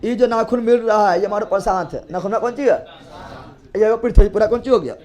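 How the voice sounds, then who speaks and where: A man's voice: high-pitched, brisk, a little mellow. A male teacher giving a geography lesson, drilling students with repeated questions and joking scolds.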